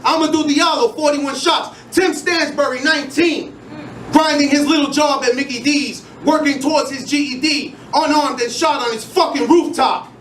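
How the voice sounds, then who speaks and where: High-voiced man performing angry slam poetry. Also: fairly even intonation, moderate pace, fairly bright tone. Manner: angry, intense, profane. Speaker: spoken word poet. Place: live venue stage. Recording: echoey room, distant mic, noisy crowd.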